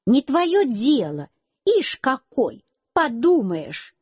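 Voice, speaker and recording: A snappy, teasing little girl from a children's storybook, as a woman reader puts her on. The voice is breathy and dry, close to the mic. The recording sounds muffled. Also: a little high, expressive, slow pace, no room sound. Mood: squabbling. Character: cheeky little girl squabbling with a boy. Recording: dull lo-fi recording.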